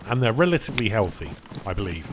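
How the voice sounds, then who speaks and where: Speaking fast in a lowish, sing-song voice, this streamer rambles from topic to topic in casual live-stream chat over background noise. He addresses his viewers as "boys" and keeps eating while playing, his mouth full at times.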